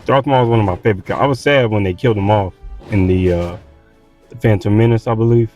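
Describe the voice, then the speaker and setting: A man's voice: fairly low pitch, fast talker, darkish tone, highs cut off, faint music behind. A man from Texas with a Southern accent, tired from little sleep, rambling casually with lots of fillers and restarts while playing a game. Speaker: gaming streamer.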